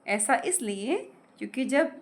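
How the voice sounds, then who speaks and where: A woman teaching a grammar lesson, spelling words out slowly and carefully, asking questions and answering them herself. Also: on the high side, lively intonation. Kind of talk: explaining lesson with examples.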